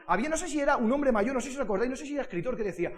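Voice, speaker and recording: A man's voice: very high-pitched, in a large hall, crowd noise. A man from Spain preaching a sermon in church, telling stories animatedly and checking whether the congregation follows. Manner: animated storytelling with quick asides and laughter; asks the congregation if they follow. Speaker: pastor. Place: church hall.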